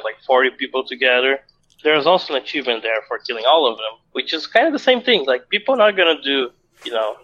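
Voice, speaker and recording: A man's voice: mid-range voice, sharp tone, dull audio. A man co-hosting a casual gaming podcast, chatty and explanatory, laughing often. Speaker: podcast co-host.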